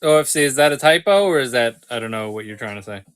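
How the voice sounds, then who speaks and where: A man's voice: mid-range voice, expressive, fast, a bit bright, smooth, soft background music. A man hosting a live toy sale stream, chatting casually with viewers, joking and laughing often.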